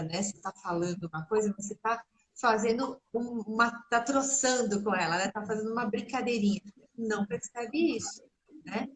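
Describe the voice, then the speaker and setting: A woman's voice: medium pitch, low-quality recording. Woman explaining therapy over a video call. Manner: explanatory, uses many "né?" tag questions. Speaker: guest speech therapist. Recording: faint noise and clicks on a call.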